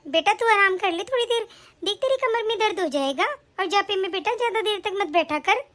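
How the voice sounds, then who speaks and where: A woman's voice: extremely high pitch, animated, brisk, fairly bright tone. A woman voicing a commanding, motherly aunt. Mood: reassuring. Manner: reassuring orders, motherly fussing. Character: older aunt, warm but commanding. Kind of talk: animated family story voice acting.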